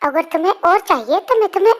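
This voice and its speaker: Very high voice, young performer as a fussy loving mom, coddling and scolding. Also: animated, quick pace. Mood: tender. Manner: affectionate, scolding by turns. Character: doting, fussy young mother of two boys. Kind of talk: amateur fan dub acting.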